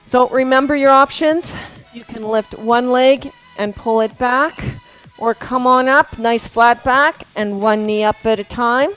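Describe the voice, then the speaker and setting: A woman's voice: on the high side, a little slow, a bit bright, clear, resonant tone, poor audio. A woman fitness instructor leading a core workout class, chatty and encouraging and laughing often, demonstrating moves as she talks. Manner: demonstrating moves while talking. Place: fitness studio. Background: background workout music.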